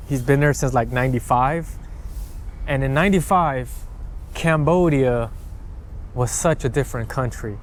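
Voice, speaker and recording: A man's voice: medium pitch, slight background noise. A man talking casually to camera in a vlog, rambling with many restarts and fillers, recorded outdoors on a camera mic. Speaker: vlogger. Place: outdoors by a mall.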